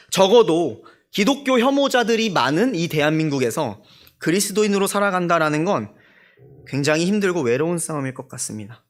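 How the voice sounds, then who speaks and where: Young Korean man preaching, lively pitch. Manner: storytelling with acted-out quoted voices; addresses the congregation directly with questions. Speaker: junior pastor. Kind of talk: sermon. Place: church sanctuary.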